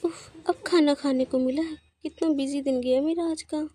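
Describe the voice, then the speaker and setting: A woman's voice: high voice, steady tone, normal speed, dark tone, a little hiss or hum, natural voice. A woman voicing a lazy, complaining young daughter-in-law in a cartoon story. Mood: whiny. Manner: whiny, complaining.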